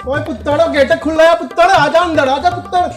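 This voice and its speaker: A man's voice: very high-pitched, fairly even intonation, brisk, echoey room, soft background music. A man playing an elderly, trusting Sikh father who speaks with a Punjabi accent and calls everyone son. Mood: welcoming.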